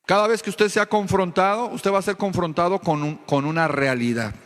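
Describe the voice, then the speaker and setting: A man's voice: high voice, fairly even intonation, moderate pace, in a large hall. A man preaching a sermon as pastor, emphatic and confrontational, calling out to the congregation for responses. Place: church sanctuary.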